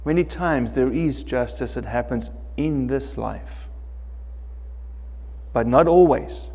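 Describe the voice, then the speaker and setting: A middle-aged man preaching a sermon as pastor from a lectern in a church sanctuary, slow and emphatic, rising loud and dropping soft. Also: mid-range voice, long reverb tail. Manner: slow, emphatic preaching with wide swings in loudness.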